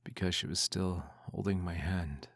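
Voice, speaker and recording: A man in an ASMR role-play reads a bedtime story aloud in a soft, intimate, hushed voice that slips into speaks softly. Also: low voice, fairly even intonation, moderate pace, no room sound.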